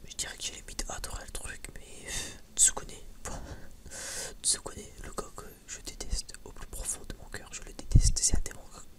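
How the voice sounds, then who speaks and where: An ASMR creator whispers in a breathy, unvoiced voice at normal speed. She rambles informally and hesitantly, as though chatting with viewers.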